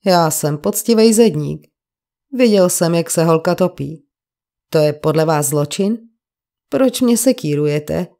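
A woman's voice: low-pitched, lively intonation, dark tone. A woman reading an audiobook, voicing a defensive working-class male bricklayer who talks in coarse, grumbling colloquial speech.

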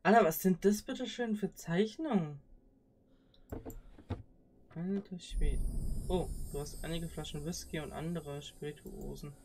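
A woman's voice: on the low side, unhurried, pauses often, a little mellow, slight background noise. A woman doing live commentary on a horror game, easily spooked and prone to exclamations. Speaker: game streamer.

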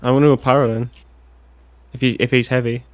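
A man's voice: medium pitch, level tone, brisk. A man speedrunning a game, chatting casually in team callouts over voice chat, with some swearing. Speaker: speedrunner playing a team shooter. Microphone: gaming voice chat.

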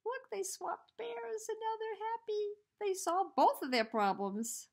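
Woman teacher, storybook read-aloud, high and very animated, unhurried, whispers now and then. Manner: animated, chatty asides to young listeners, dips into whispers. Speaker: teacher reading to children.

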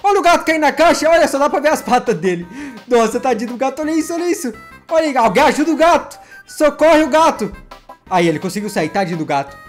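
A man, hosting his channel and reacting to funny cat clips in an excitable, playful way, teasing himself and his pets. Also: very high voice, fast, faint music behind. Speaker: YouTube gaming host.

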